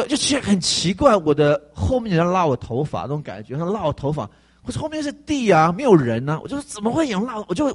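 A male pastor giving a conversational testimony sermon, animated and full of fillers. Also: high voice, breathy edge.

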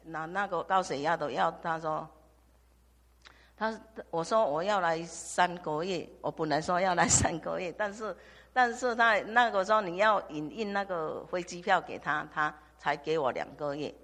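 An older woman from Taiwan, giving a halting church testimony full of restarts and repetitions. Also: on the low side, a bit bright. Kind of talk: personal testimony. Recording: long hall reverb.

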